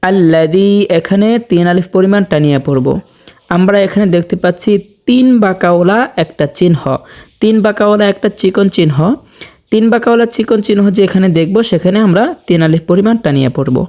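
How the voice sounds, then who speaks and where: A man teaching Quran recitation step by step, explaining slowly and deliberately. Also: sits high, a little mellow. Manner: slow, deliberate explanation with drawn-out sample recitation.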